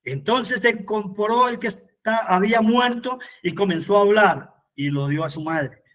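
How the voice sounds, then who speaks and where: A man leads a Bible study as its preacher. His voice sits high for a man. He moves between reading scripture aloud and fervent appeals to the people listening. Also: moderate pace, fairly bright tone.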